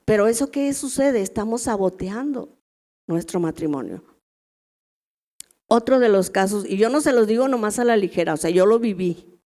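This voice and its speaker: A woman's voice: mid-range voice, lively intonation, normal speed, warm tone. A middle-aged woman with a Mexican accent teaching a women's church meeting in a chatty way, often asking the listeners questions. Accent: Mexican Spanish. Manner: chatty, asks the audience rhetorical questions.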